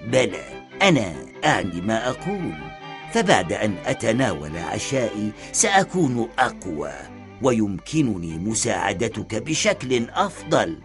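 A man voicing a greedy, hot-tempered male wolf in a children's storybook, with a blunt, gruff manner. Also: lowish voice, sing-song, normal speed, over music. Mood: calm.

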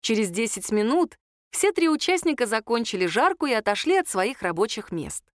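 A woman narrating a novel in an even, lightly wry storytelling manner. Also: fairly high pitch, normal speed, no echo, studio quality. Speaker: audiobook narrator. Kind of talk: scripted narration.

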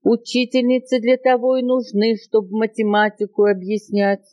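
A woman's voice: a little high, flat delivery, normal speed, a little mellow, dry recording, pitched above the performer's own voice, close to an everyday voice. A woman voicing a fussy, strict, know-it-all male parrot in a storybook reading, lecturing indignantly and drawing out his words.

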